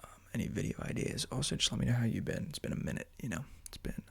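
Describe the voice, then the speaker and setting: Man in a close breathy ASMR whisper. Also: mid-range voice, expressive, racing, fairly bright tone, no echo. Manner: rambling, self-aware, joking. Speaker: ASMR creator. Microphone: studio microphone with fuzzy cover, close.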